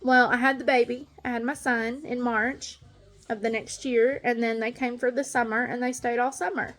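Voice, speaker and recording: Angry high-voiced woman venting. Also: steady tone, normal speed, fairly bright tone. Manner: angry, blunt, ranting. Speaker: stepmom vlogger. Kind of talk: casual venting monologue.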